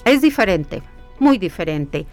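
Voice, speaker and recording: A woman who leads spiritual hiking workshops is a guest in a conversational interview, earnestly explaining her practice. Her pitch sits mid-range and her pace is steady and unhurried; she repeats phrases and asks herself rhetorical questions, with faint music behind her.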